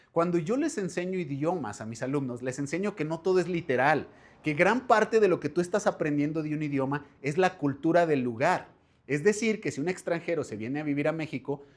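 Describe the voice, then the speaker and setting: A man with a Mexican accent, a language teacher chatting casually about a book to his viewers, animated and slangy, with frequent rhetorical questions. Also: on the high side. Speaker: language teacher and bookshop channel host. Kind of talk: casual book review to camera.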